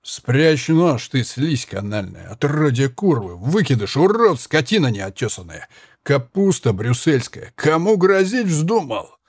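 A man voicing a hot-tempered, drunk Spanish soldier who shouts and curses in slurred bluster. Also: medium pitch, sing-song, unhurried, breathy edge, dry recording, studio quality. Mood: raging.

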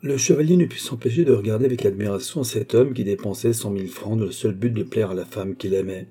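A man narrating a classic novel as an audiobook, reading in a measured, steady way. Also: lowish voice, breathy edge.

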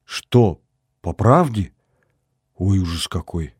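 A man's voice: sits low, animated, takes it slowly, darkish tone, breathy edge, no echo, exaggerated voice. A man reading an audiobook voices a teasing, jealous young woman with a needling, suspicious delivery.

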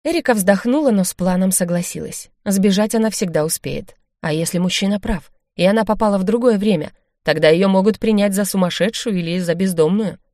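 A woman narrating an audiobook in a steady, even storytelling manner. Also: mid-range voice, a little fast, few pauses, no echo, clean studio sound. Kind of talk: scripted narration.

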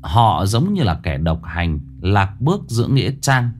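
A man narrating a ghost story in a slow, dramatic way, dropping to a hush at eerie moments. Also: fairly low pitch, big pitch swings. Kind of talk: scripted horror story narration. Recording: narration over faint music.

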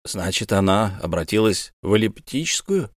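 A man voicing an earnest young male navy lieutenant who asks measured, probing questions in an audiobook. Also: on the low side, very animated, no echo, studio quality.

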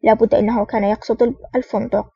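A stern male secret agent, curt and commanding, as a woman reads him out in her own voice. The reading is quick and flat-toned, with a dark, slightly husky sound. It comes from a dull, distant, dry recording. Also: on the high side, no room sound, heavily acted. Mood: serious.

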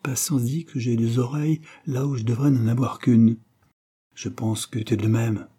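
A man's voice: medium pitch, steady tone, normal speed, mellow, slightly rough, voice pushed up, lightly acted. A man reading a novel aloud, voicing a chatty young girl who blurts things out in a raised voice. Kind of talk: audiobook character voice.

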